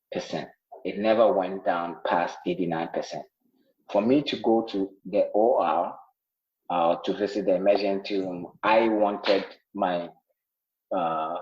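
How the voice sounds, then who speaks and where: A man, a health care worker telling of his own illness in earnest, with many fillers and restarts. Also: deep voice. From Ghana. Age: 40s. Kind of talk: interview, personal account. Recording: roomy, dull sounding line.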